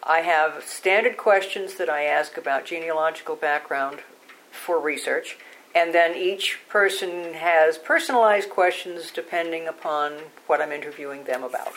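An older woman being interviewed for an oral history, recollecting in measured, halting short phrases. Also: deep voice, a bit bright, low-quality recording.

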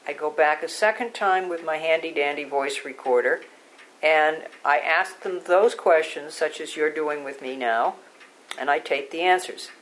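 An older woman being interviewed for an oral history, recollecting in measured, halting short phrases. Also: sits low, poor audio.

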